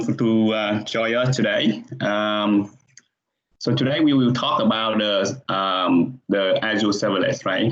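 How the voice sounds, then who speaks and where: Halting man with a Vietnamese accent. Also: fairly low pitch. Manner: halting, frequent pauses and restarts. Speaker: conference presenter. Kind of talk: online technical presentation. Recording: dull, muffled sound.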